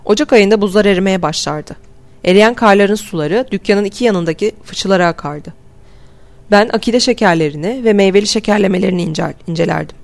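A woman reading a novel aloud as a steady, measured audiobook narration. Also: mid-range voice, vocal fry. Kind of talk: scripted narration.

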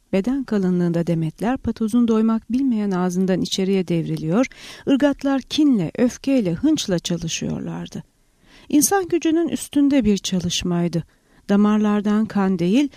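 A woman narrating an audiobook of literary criticism in a measured, even reading voice. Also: mid-range voice, dry recording.

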